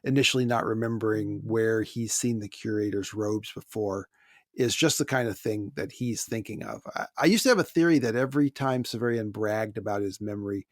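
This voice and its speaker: A man's voice: fairly low pitch, a little fast, no room sound. Male American podcast co-host, casual chat, dry close-miked sound, wry asides between read-out emails. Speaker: podcast co-host reading listener mail. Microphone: close podcast microphone.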